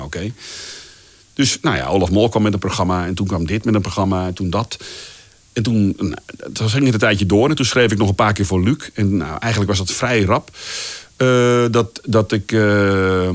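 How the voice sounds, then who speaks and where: A man in his fifties from the Netherlands with a strikingly low voice spins stories of his voice-over career. He rambles cheerfully with many fillers and briefly acts out what others said. The sound is dry, with no room around it. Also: dry recording. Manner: animated anecdotes with many fillers, acts out quoted lines. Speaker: voice-over artist, podcast guest. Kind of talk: casual storytelling interview.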